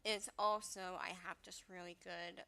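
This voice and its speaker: A woman's voice: lowish voice, level tone, moderate pace, pushed and bright, smooth. A young woman with a congested, stuffy voice chatting casually over gameplay, rambling with many fillers and the odd swear as she gives advice. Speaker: gaming vlogger giving advice.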